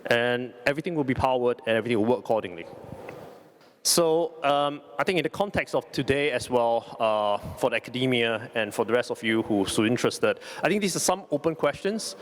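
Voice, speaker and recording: Male conference presenter, medium pitch, informal lightning-talk delivery, halting with frequent repeats and self-corrections. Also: slight background noise. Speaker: company CEO presenting.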